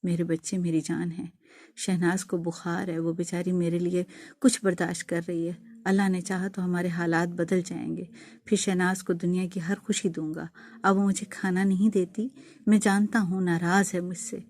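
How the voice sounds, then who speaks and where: Woman reading as a tired, tender young husband, soft-spoken, low and mellow, dry close sound, for an audio story. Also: flat delivery, lightly acted. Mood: sorrowful. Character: weary, gentle young village husband.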